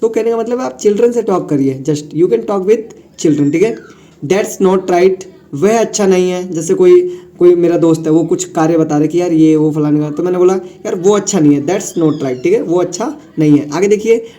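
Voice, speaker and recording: High-voiced man teaching English phrases. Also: mellow. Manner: repeats phrases and says "thik hai" often. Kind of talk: casual classroom explanation.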